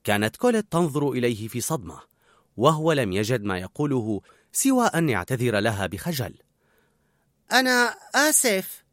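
A man narrating a children's story aloud in an animated, expressive way. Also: mid-range voice, fairly quick, no room sound, clean studio sound.

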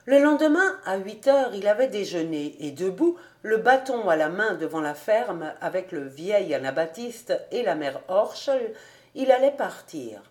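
A woman reading a classic novel aloud as an audiobook narrator. Her pace is slow and measured, her pitch in the middle range. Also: big pitch swings, a little mellow. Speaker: audiobook reader.

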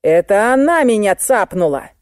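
A woman's voice: mid-range voice, very animated, moderate pace, a little mellow, no room sound, clean studio sound, lightly acted. A woman voicing a short-tempered, complaining male traffic cop in an audiobook. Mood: indignant. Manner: indignant, complaining.

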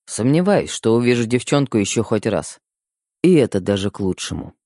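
Man narrating with a lively pitch. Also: normal speed, no room sound, studio quality. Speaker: audiobook reader. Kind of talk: scripted first-person narration.

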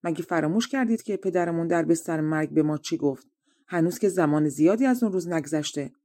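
A woman's voice: lowish voice, dark tone, natural voice. A woman voicing a resolute youngest brother who speaks firmly and reproaches his older brothers. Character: resolute youngest prince, loyal to dying father's word.

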